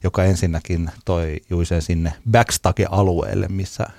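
A man co-hosting a podcast, casually telling a long anecdote in a relaxed storytelling way. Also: deep voice, vocal fry, no echo, studio quality. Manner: relaxed storyteller, laughs at his own tale. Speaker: podcast co-host.

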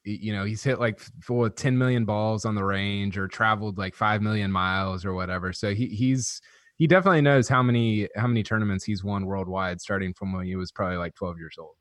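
A man with a lowish voice telling a chatty, amused story as a golf writer on a podcast. His delivery is close and dry. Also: steady tone, fairly quick, a bit bright, dry recording. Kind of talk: casual chat.

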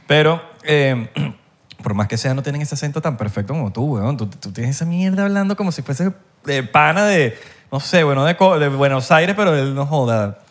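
Host: Venezuelan man, Venezuelan Spanish, fairly high voice, teasing and profane, casual podcast banter. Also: lively intonation, normal speed. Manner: joking, swears freely, laughs.

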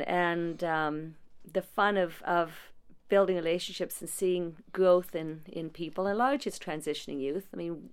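Smooth-voiced woman telling stories. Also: fairly low pitch. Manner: warm storytelling with frequent restarts and small laughs. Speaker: director at a non-profit support agency. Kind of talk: conversational interview answer.

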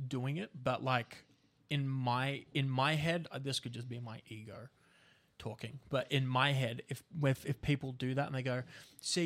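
A young man hosting a podcast, telling stories in a rambling, casual way, swearing freely. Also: medium pitch. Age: young adult. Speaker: podcast host. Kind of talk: casual chat.

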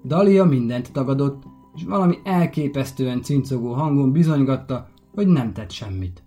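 A man narrates a true crime podcast at a calm, measured pace. His voice is mellow and warm. Faint music plays underneath. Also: medium pitch. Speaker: podcast host.

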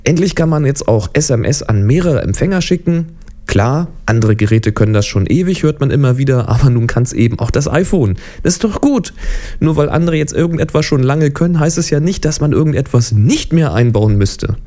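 Mellow-voiced man chatting about tech. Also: medium pitch, lively intonation, brisk. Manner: chatty, wry asides. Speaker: podcast host. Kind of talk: casual tech podcast commentary.

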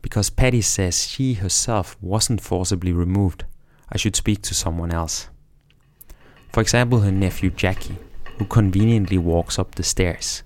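A man narrating a documentary in a calm, measured, scripted way. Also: low voice, no echo.

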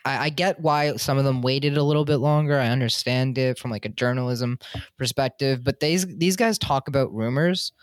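A man's voice: medium pitch, normal speed, no echo, studio quality. A man talking casually in an online discussion over a video call, rambling a bit with sarcastic asides and lots of fillers.

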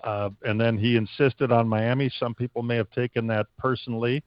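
Speaking briskly with little variation in his medium-pitched voice, this man is a US stadium announcer giving loose, long-winded interview answers full of stops and starts. The audio is dry and muffled.

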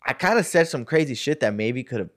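Young man, rapid casual storytelling, slangy, filler-heavy, podcast chat. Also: mid-range voice, animated. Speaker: guest telling a story.

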